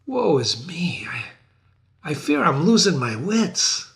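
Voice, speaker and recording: A troubled, lovestruck scholar speaks in a hushed, anxious way, as a man reads him. His voice is lower than the narration and slow. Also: very animated, full character voice.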